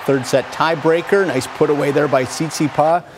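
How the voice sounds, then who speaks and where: A man anchoring sports news, reading highlights in a commentator's style. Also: fairly even intonation, moderate pace, background noise.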